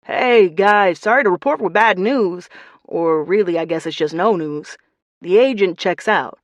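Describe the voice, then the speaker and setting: A woman's voice: fairly low pitch, measured pace, no echo, dull audio, close to an everyday voice. A woman narrator voicing an easygoing male friend calling in on speakerphone, casual and apologetic.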